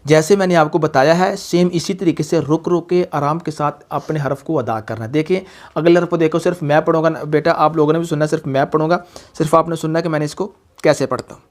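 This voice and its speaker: A man's voice: fairly high pitch, steady tone, fast talker. A man teaching Quran recitation, patiently calling the student "son" and stretching out each syllable in repeat-after-me drills. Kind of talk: tajweed lesson with call-and-repeat drills.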